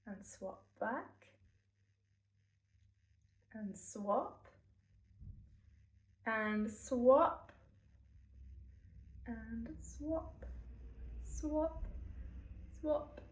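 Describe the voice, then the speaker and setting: High-voiced English woman leading a warm-up. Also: expressive, very slow, pauses often. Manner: cheerful, encouraging instructions to children. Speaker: music teacher leading a warm-up. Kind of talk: children's vocal warm-up lesson. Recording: echoey room, mic at a distance.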